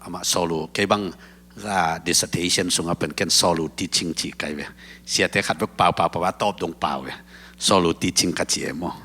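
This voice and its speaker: Deep-voiced man in relaxed talk-show chat. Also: slightly rough. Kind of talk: casual talk-show conversation.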